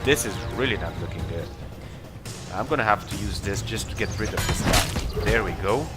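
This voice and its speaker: On the low side with lively intonation and a moderate pace, a man hosts a let's play with casual, improvised commentary, thinking aloud hesitantly as he picks his moves. Game music and battle noises are heard underneath.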